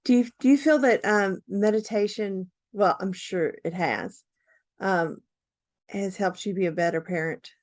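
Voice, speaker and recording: A woman's voice: mid-range voice, measured pace. A woman hosting an interview, eager and affirming, often chiming in with short agreements. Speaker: podcast host. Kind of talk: conversational interview.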